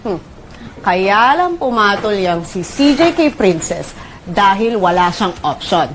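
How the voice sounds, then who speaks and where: A woman's voice: mid-range voice, sing-song, takes it slowly, a little hiss or hum. A woman in a comic skit, talking in a theatrical, exaggerated way.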